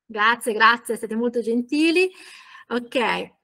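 A woman's voice: on the high side, expressive, takes it slowly, sharp tone. A woman teaching an online lecture, chatty, with frequent laughs and fillers. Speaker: teacher trainer.

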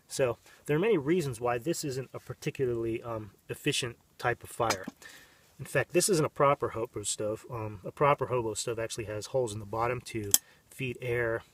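A vlogger in his thirties gives a casual how-to demonstration out in the desert, rambling with lots of fillers and restarts. His medium-pitched voice is far from the camera mic as he moves between on-camera and off-frame.

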